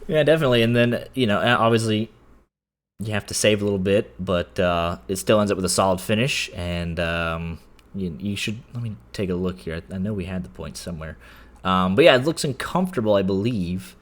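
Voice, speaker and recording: A man's voice: sits low, expressive, fairly quick. A man broadcasting post-race interviews with sim racing drivers, chatty and full of fillers. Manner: chatty, filler-heavy, stumbles and laughs.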